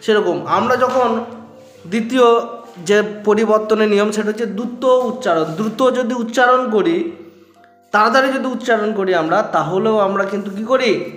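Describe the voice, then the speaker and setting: A man's voice: high voice, normal speed, a bit bright. A male teacher with a Bengali accent from West Bengal, giving a grammar lesson to students and explaining with everyday examples and questions. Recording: echoey room with faint music.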